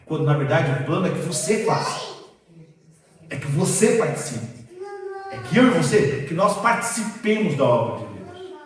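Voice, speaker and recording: Male pastor preaching, voice jumps up and down a lot, kinda high, big echoey hall and mic far off. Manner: animated, storytelling testimony. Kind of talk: sermon. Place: church sanctuary.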